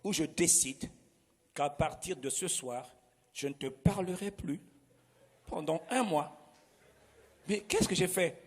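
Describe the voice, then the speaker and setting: Slow and husky, a pastor's slightly high voice leaves long pauses, followed by a long reverb tail. He preaches forcefully in call-and-response style, asking the congregation to repeat his words.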